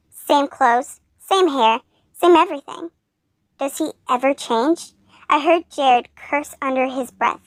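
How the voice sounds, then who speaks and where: A woman reading a first-person fan story aloud in an even storytelling manner. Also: high voice, dry recording. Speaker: fanfiction reader.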